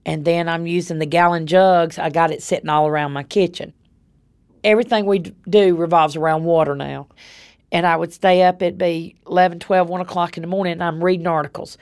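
A woman's voice: on the low side, steady tone, fairly quick, darkish tone, smooth. A woman with a Southern US accent telling her own story in a plain-spoken, conversational way. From North Carolina. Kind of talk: personal storytelling.

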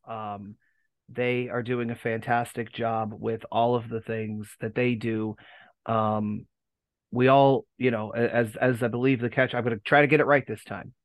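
A man's voice: mid-range voice, no room sound. A man talks in a loose, rambling way on a casual podcast, often restarting his sentences and laughing easily. His voice sits in a middle register. The sound is dry and close, with no room around it. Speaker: podcast host.

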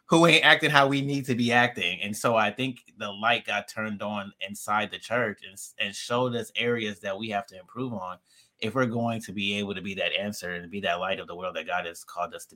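A man's voice: on the low side, steady tone, bright, forceful tone. A man hosting a casual faith discussion, affirming and conversational. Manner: affirming, conversational, quick to agree.

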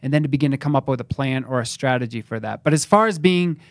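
A man's voice: medium pitch, fast, dry recording, studio quality. A man on a faith podcast giving encouraging, practical advice in a casual way. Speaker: podcast co-host.

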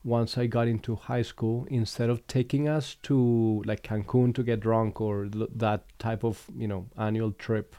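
Man from Colombia, host, flat low delivery, mellow tone, dry close sound. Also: no echo. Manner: reflective, unhurried, with fillers and restarts. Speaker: podcast host. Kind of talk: casual conversation.

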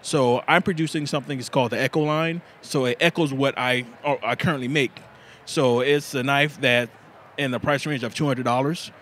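Male bladesmith, 30s, mid-pitched, earnest and candid, slight festival noise. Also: fairly even intonation, normal speed, a bit bright. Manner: earnest, restarts often, laughs easily. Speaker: bladesmith, interviewee. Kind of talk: casual interview. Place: busy food festival, indoors.

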